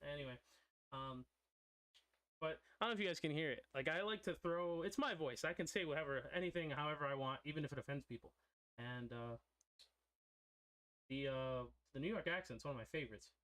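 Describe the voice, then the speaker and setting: Chatty young man, slightly high voice. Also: fairly quick, pauses often, fairly bright tone. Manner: rambling, digressive storytelling. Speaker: streamer drawing a character. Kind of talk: casual chat while drawing on stream.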